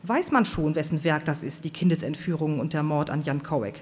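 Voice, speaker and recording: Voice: mid-range voice, a little fast, slightly rough, lightly acted. A reader voicing a pompous, know-it-all man, heard in a reverberant hall. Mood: smug. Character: pompous self-assured man.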